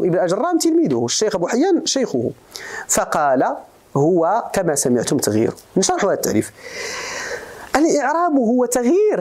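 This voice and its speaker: Lively fast-talking Moroccan teacher. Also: male voice, sits high. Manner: keeps quizzing his students and repeating the point. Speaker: religious scholar teaching grammar. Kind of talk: classroom lecture.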